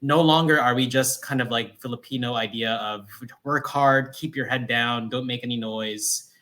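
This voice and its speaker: A man raised in New Jersey, a food company founder telling his story in a casual interview, upbeat and energetic. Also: mid-range voice, normal speed. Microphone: livestream call microphone.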